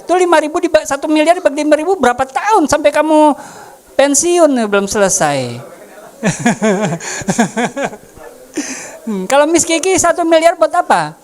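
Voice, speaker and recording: A woman preaching a casual sermon, joking and asking the congregation questions. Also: sits high. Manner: jokey, asks the congregation questions.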